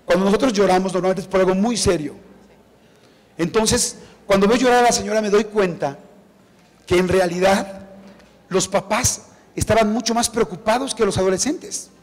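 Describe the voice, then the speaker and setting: Middle-aged man, author at a book launch, lively storyteller who mimics the people he quotes, fairly high voice, reverberant hall. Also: normal speed. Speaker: author presenting his book. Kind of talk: anecdotal talk at a book presentation. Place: event hall before an audience.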